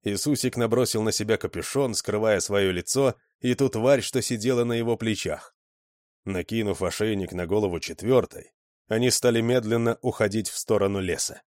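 Мужчина, низкий голос, чтение аудиокниги, ровно. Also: male voice, lowish voice, moderate pace, no room sound, studio quality. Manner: even, steady storytelling. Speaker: narrator. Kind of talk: scripted audiobook narration.

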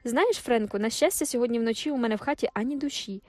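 A woman's voice: a little high, quick pace, a little mellow, no echo, lightly acted. A woman voicing an eager, cheerful young woman in love in an audiobook. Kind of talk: audiobook character voice.

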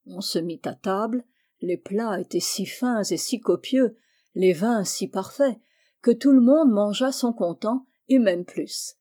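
A woman storyteller reads a fairy tale aloud, measured and expressive in pace. Her voice sits at a middle pitch, mellow and dark.

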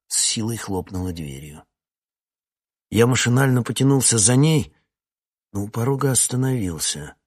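A man narrating a first-person story in a weary, wry audiobook reading. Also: lowish voice.

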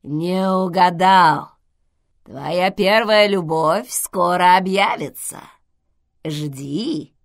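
A woman voicing a rude, creaky old woman speaking through an enchanted intercom, slow, loud and mocking. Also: on the low side, no echo, clean studio sound, heavily acted. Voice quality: creaky, hoarse.

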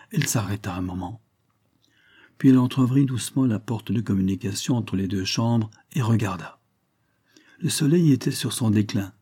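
Brief: male audiobook narrator, mellow dark tone, measured reading. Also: on the low side, creaky, breathy edge. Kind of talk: scripted literary narration.

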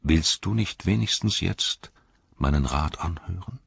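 A man's voice: low voice, animated, measured pace, vocal fry, a bit bright, slightly rough, dry recording, highs cut off, exaggerated voice. An older-sounding man voicing a scheming old male wizard, honeyed one moment and sneering the next. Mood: scornful. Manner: honeyed, then sneering and venomous.

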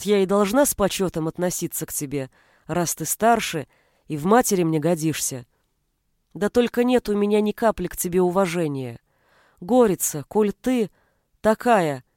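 In an audiobook, a reader voices a proud, hurt young peasant woman who speaks with cold indignation. The delivery is animated, at normal speed, with a medium-pitched, darkish tone close to an everyday voice. The recording is dry and of studio quality.

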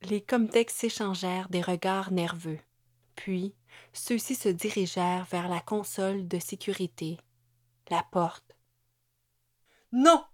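In scripted audiobook narration of a novel, a woman reads in a measured, even storytelling manner. Her voice sits on the low side, and the clean studio sound has no room sound.

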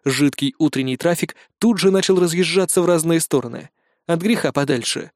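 A male narrator telling a first-person action story with brisk, wry delivery. His voice sits a bit higher than usual for a man, and the studio sound is dry and close with no room at all. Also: darkish tone, no echo. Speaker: audiobook narrator.

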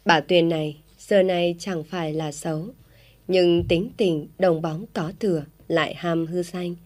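A woman narrating a village story in a steady, even storytelling manner. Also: lowish voice, measured pace.

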